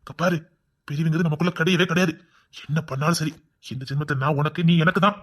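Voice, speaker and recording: A man with a Tirunelveli Tamil accent plays a husband in a family drama skit. His voice sits a little high, and he talks in an earnest, reassuring way that keeps turning into a lecture. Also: fairly even intonation, fast, fairly bright tone. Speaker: lead actor in comedy skits.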